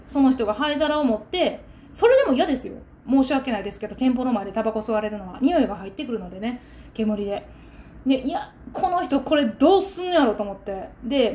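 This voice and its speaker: A woman with a Kansai accent talks through a solo podcast episode, indignant and animated as she vents about a rude customer. Her voice sits a bit high and leaps up and down in pitch. A faint noise floor hums under the recording. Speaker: takoyaki shop owner and podcast host.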